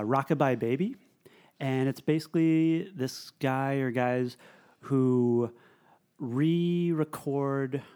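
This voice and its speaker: Young man co-host, dry deadpan delivery, relaxed chat. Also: medium pitch, smooth. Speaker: podcast co-host. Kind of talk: casual chat.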